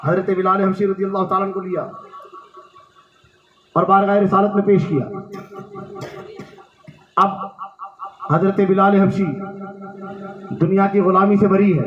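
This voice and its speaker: A man's voice: high-pitched, fairly even intonation, unhurried, long pauses. A man preaching a devotional sermon, retelling a story with impassioned drama and acted dialogue. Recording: echoey, dull lo-fi.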